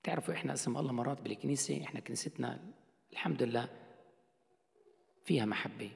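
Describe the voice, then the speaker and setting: A middle-aged man preaches with a gravelly edge to his voice. He talks to his congregation in a loose, conversational way and keeps asking them questions. His voice rings out in a church hall with a long reverb. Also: mid-range voice, very fast. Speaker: pastor. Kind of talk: sermon.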